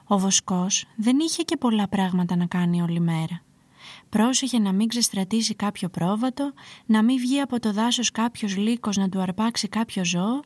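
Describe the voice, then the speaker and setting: A woman telling a fairy tale in a calm, expressive scripted narration. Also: a little high, no room sound. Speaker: storyteller.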